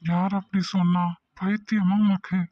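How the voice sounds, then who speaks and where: A woman voicing a withdrawn, guilt-ridden young man in an animated drama, speaking in subdued, weary, curt replies. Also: mid-range voice, normal speed, dry recording, highs cut off, close to an everyday voice. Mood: weary, brooding.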